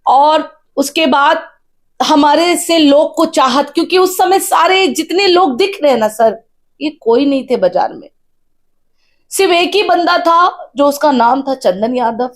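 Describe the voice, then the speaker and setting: A woman with a high voice tells her story to an interviewer with deep, earnest feeling. She speaks like a guest on a local news interview. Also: animated, measured pace. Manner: earnest storytelling, tearful at times. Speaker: interviewee, wife of a candidate. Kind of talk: emotional personal account.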